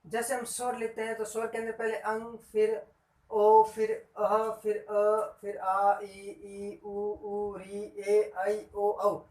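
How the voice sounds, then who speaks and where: A man's voice: high voice, completely flat delivery, takes it slowly, a little mellow, distant mic. A man giving a grammar lesson who keeps repeating points and quizzing his listeners with questions. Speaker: Hindi grammar teacher. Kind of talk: classroom-style grammar lesson. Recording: echoey room, voice off-mic.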